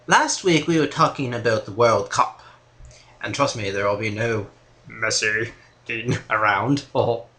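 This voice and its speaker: A man's voice: fairly low pitch, measured pace, sharp tone. A man with an English accent hosting a comedy podcast in a mock-formal, pompous way, often stumbling and restarting. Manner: pompous and flustered, stumbling over words. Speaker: podcast host.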